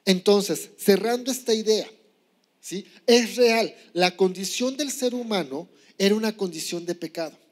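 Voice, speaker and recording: Man preaching, checking in with "¿sí?". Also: high voice. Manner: teaching, asks "¿sí?" after points; explains with examples, some hesitation. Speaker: pastor. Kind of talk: sermon.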